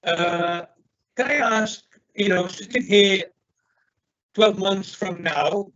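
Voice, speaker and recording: A man's voice: high voice, steady tone, takes it slowly, fairly bright tone. Man on a muffled, breaking-up video call. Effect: muffled, breaking-up video call audio. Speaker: councillor on a remote call. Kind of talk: committee meeting question. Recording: dull lo-fi call line.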